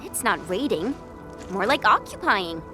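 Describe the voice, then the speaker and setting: A woman's voice: medium pitch, big pitch swings, a little slow. An actress playing an upbeat, eager young woman fighter in a game. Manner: bright and eager. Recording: game audio with music.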